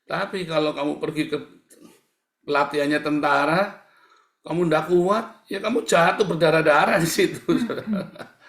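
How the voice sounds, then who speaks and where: A male pastor delivering a sermon, swinging from loud acted-out cries to soft, quiet asides. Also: fairly high pitch, moderate pace, gravelly. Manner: animated preaching, swings between loud and soft, acts out cries. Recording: echoey church hall.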